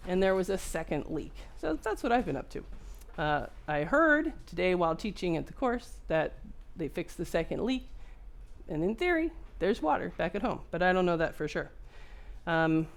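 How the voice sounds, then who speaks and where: A woman running a hands-on repair tutorial, chatting casually and jumping between a personal story and narrating each step of her work at the bench. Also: medium pitch. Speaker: microsoldering repair technician and instructor. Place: repair workbench.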